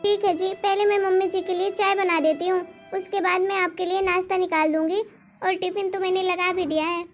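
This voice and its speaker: A woman's voice: very high-pitched, little pitch movement, fairly quick, faint music behind. A woman voicing a meek, dutiful young daughter-in-law in a cartoon story, polite and pleading. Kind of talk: animated cartoon voice acting.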